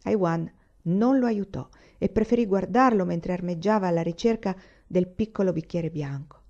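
A woman reading a novel aloud in calm, measured narration. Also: on the low side. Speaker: reader. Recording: slightly dull, lo-fi recording.

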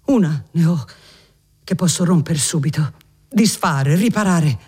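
A man voicing a once-violent nobleman, now remorseful, crying out in slow, wrought exclamations. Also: fairly high pitch, lively intonation, a little mellow, husky, pitched above the performer's own voice, full character voice. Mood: anguished.

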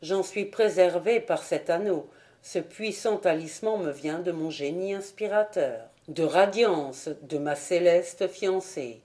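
A woman's voice: fairly low pitch, takes it slowly, dark tone. A woman voicing a grave old wizard bard. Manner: grave, solemn delivery.

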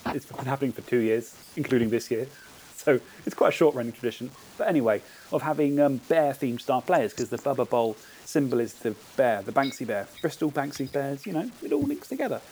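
A man hosting a casual podcast, chatting in an animated way and explaining things at length. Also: mid-range voice, fairly quick, slight background noise, poor audio. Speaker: podcast host.

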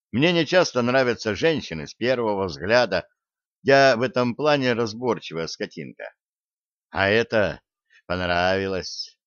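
A man reading a first-person audiobook in a wry, unhurried way. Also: lowish voice, no echo. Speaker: audiobook narrator. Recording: dull, dry recording.

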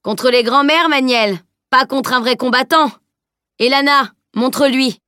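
A woman's voice: fairly high pitch, normal speed, no room sound, studio quality, lightly acted. Woman voicing Edwin, a commanding male fighter. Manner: loud, commanding. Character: Edwin, cool male master fighter, instructing.

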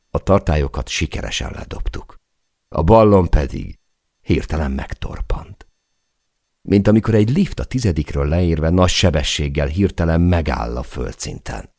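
A man's voice: a bass voice, creaky, no room sound. A man reading an audiobook in a dramatic style, recorded close in a studio. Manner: dramatic reading, shouting out the quoted cries. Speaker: audiobook narrator. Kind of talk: scripted audiobook narration.

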